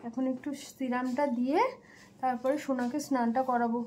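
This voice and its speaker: A young woman with a slightly high voice narrates her morning at home for a family vlog. She chats along casually, walking viewers through each thing she does. Her tone stays easygoing. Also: steady tone, a little fast, dark tone. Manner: chatty, explains each step to viewers. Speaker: vlog host and mother.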